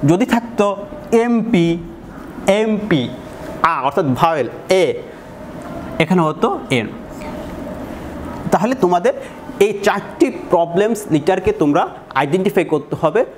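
Male teacher, fairly high voice, patient classroom explainer who poses his own questions and answers them, faint hiss under the recording. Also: animated. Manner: asks students questions and answers them himself; slows down to read example sentences. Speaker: English grammar teacher. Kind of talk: classroom lesson explaining grammar.

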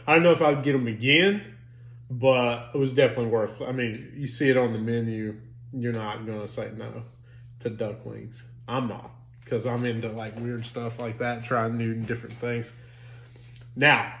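A man in his thirties chatting casually about a restaurant meal, rambling and joking, recorded at home on a phone camera. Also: mid-range voice. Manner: relaxed, rambling, jokey. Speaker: restaurant reviewer. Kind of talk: casual chat. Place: home living room, indoors. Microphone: phone camera on a stand. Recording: roomy echo.

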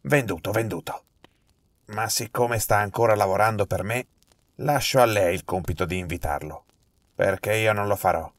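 A man voicing a nervous, miserly old male collector, fussy and quick to protest. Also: fairly low pitch, no echo, lightly acted. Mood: grudging.

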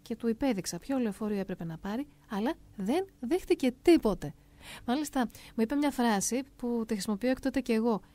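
A middle-aged woman calmly and earnestly telling a first-person story aloud. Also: on the high side, dry recording. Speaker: narrator of a personal testimony.

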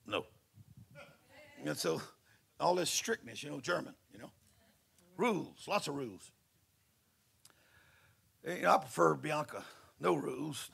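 A male preacher tells a story in a folksy, lively way. His voice is heavily gravelly and husky, and it sits a little high for a man. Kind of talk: sermon with storytelling. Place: church service.

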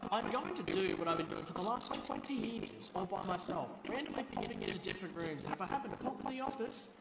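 A man's voice: high-pitched, huge pitch swings, quick pace, creaky, loud music behind the voice, exaggerated voice, rough recording. Man voicing a cocky crude animatronic villain. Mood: taunting. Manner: taunting, swaggering, foul-mouthed. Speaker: game character.

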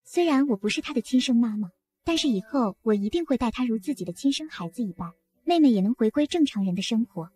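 A woman's voice: a little high, lively intonation, fast talker, dark tone, soft background music, natural voice. A woman voicing a scheming young woman who pleads and wheedles in an audio comic story. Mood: pleading.

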